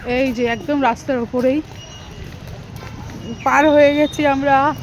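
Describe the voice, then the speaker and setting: Walking outdoors with friends by a lake, a woman in her thirties from West Bengal films herself on a handheld phone, chatting as she narrates the outing. Her high-pitched voice is steady and slow, with slight background noise.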